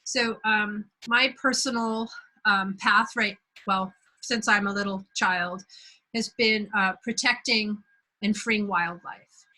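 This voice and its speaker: A woman from Belgium hosting a conversation, telling a personal story in a reflective, unhurried way. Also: medium pitch, steady tone, sharp tone, rough recording. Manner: reflective, unhurried, searching for words. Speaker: host.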